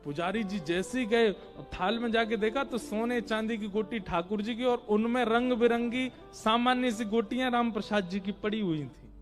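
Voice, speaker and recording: A man's voice: high-pitched, normal speed, few pauses, faint music behind. A man telling a devotional story sermon, emphatic and addressing the listeners directly. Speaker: kathavachak storyteller-preacher.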